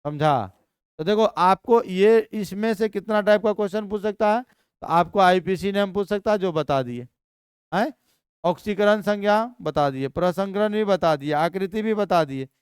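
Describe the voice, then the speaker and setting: A man teaching chemistry in a live class, energetic and constantly quizzing his students. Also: high voice, moderate pace, clear, resonant tone, no room sound, clean studio sound.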